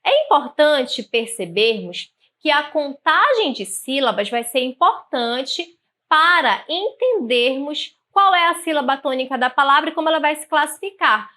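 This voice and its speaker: A woman teacher with a Brazilian Portuguese accent leads an online grammar lesson in a high, bright voice. She speaks in a clear, didactic way and slows down to sound out syllables one by one.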